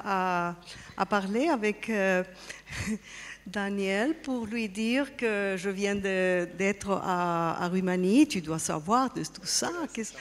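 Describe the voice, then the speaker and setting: A woman speaks French as a second language with a foreign accent. She goes slowly and haltingly, feeling for words as she gives an informal account at a conference. Long hall reverb surrounds her voice. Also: medium pitch. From Austria and Spain. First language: not French. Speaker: guest speaker, pyramid site representative.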